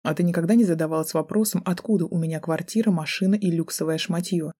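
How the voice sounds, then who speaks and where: A woman narrator voicing a mocking, menacing young male student in an audiobook, speaking low and soft in a taunting way. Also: steady tone, quick pace, husky. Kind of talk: audiobook character voice.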